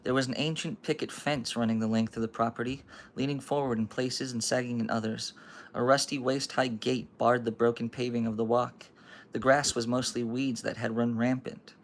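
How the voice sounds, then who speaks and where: A man's voice: medium pitch, flat delivery, moderate pace, a little hiss or hum. A man streaming, reading a novel aloud and chatting casually to viewers with loose asides.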